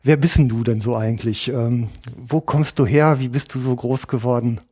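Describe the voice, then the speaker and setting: A man hosting an audio interview show. His voice sits at a middle pitch, and he leads the conversation in a friendly, chatty way. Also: fairly even intonation, normal speed, darkish tone, husky. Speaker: podcast host.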